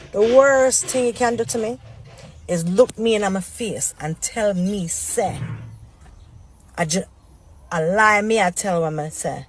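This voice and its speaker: A woman with a strong Jamaican accent rants hotly, swearing freely. Her voice sits in an ordinary middle register. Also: medium pitch. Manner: heated, swearing rant.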